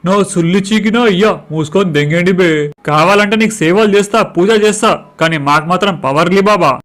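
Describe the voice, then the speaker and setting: A man's voice: high-pitched, fast talker, a bit bright. A man, swearing through brash banter in a comic skit. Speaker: comedy skit performer. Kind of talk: crude comic skit dialogue.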